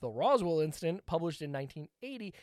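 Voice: mid-range voice, big pitch swings, fast talker, a little mellow, no echo, studio quality. A podcast co-host telling a story in casual chat, rambling and swearing with laughing asides.

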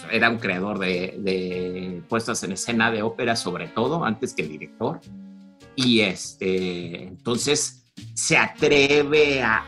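A man with a Mexican Spanish accent and a lowish, fairly bright voice co-hosts a podcast. He chats casually about a film, rambling along with plenty of fillers and restarts.

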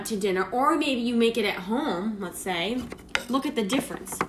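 A woman's voice: on the high side, a bit bright, a little hiss or hum. A young woman hosting her own podcast, chatting loosely, laughing at herself and swearing freely. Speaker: podcast host. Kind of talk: casual solo podcast talk.

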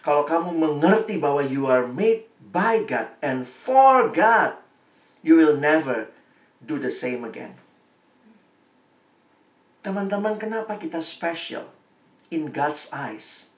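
Lively man preaching to kids, roomy. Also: on the high side, slow, pauses often, far from the mic. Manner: lively, acts out quoted voices, mixes English phrases. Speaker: youth speaker. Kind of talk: youth sermon to kids.

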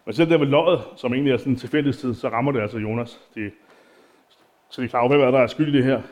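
A man's voice: mid-range voice, darkish tone. A man delivers an informal sermon in a church. He talks in a chatty, self-deprecating way, with plenty of fillers and restarts between his readings. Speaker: preacher.

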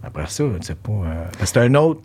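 A man's voice: lowish voice, quick pace, husky. A middle-aged man with a Québécois French accent, hosting a casual interview and acting out quotes in playful voices. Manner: animated, acts out quotes in funny voices. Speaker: podcast host.

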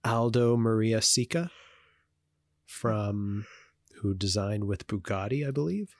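A man's voice: lowish voice, takes it slowly, no room sound, clean studio sound. A man co-hosting a podcast in casual chat, rambling with many fillers and restarts. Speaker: podcast co-host.

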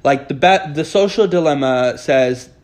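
A man's voice: a little high, measured pace. A young man co-hosting a podcast in casual chat, rambling with restarts and quoted asides. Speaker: podcast co-host.

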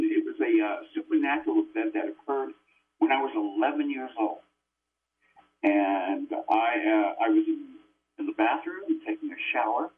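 Older man on a tinny, distant phone line. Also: mid-range voice. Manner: earnest, halting, with many fillers and restarts. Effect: tinny, distant phone line like a headset mic. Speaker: exorcist guest calling in. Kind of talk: call-in radio interview.

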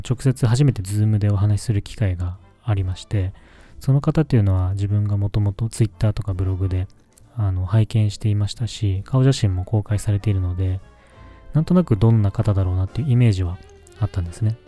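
A man's voice: on the low side, brisk, warm tone, soft background music. A man hosting his own solo podcast, speaking politely and with many hesitant fillers. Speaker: podcast host.

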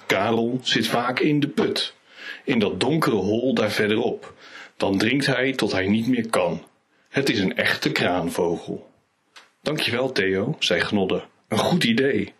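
A man reading an animal story aloud in a slow, unhurried storytelling manner, lightly voicing the characters. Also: on the low side, fairly bright tone, husky. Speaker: reader.

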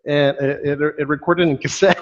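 A man's voice: on the high side, fairly even intonation. Laid-back male host, dull sound. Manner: laid-back, quick affirmations, laughs often. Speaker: podcast host. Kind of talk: casual podcast chat. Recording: dull lo-fi audio.

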